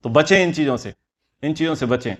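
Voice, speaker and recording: A man leads a scripture class with an earnest, explanatory delivery. He repeats key phrases to drive points home, and his voice sits a little high for a man. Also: a little fast. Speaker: Vedic teacher.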